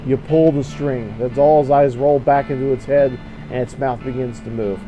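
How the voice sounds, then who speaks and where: A man with a middling pitch narrates a video game as he plays it. He reads the on-screen text aloud and adds his own commentary, with guitar game music clearly behind him. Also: steady tone, normal speed, mellow, lo-fi sound.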